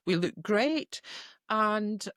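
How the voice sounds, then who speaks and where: Middle-aged woman co-host, easygoing chatter with frequent laughs, medium pitch, dry close sound. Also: very slow, dry recording. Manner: chatty, laughs often, animated. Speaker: podcast co-host. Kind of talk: casual chat.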